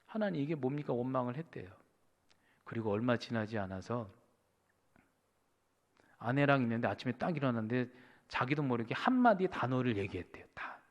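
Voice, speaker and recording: A man preaching as a pastor, telling a story in an animated way and acting out the voices of the people in it. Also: medium pitch, moderate pace, pauses often, muffled recording. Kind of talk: sermon storytelling. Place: church sanctuary. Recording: church hall with long reverb.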